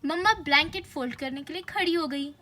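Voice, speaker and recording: A woman narrating a doll-play story for children in a gentle, explaining way. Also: high voice, brisk.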